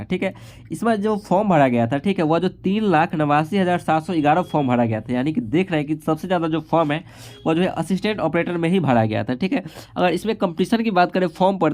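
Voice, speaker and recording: An exam-prep instructor with a fairly high, a little mellow voice informally explains exam cut-offs and statistics. Nearly every phrase he speaks ends with a short, repetitive confirming tag.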